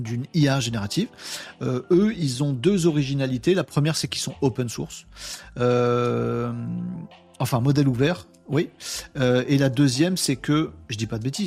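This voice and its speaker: A man's voice: mid-range voice, gravelly, a little mellow. A man hosting a live webinar, talking casually and with energy, using slang and addressing his chat viewers directly. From France. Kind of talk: casual live-stream talk.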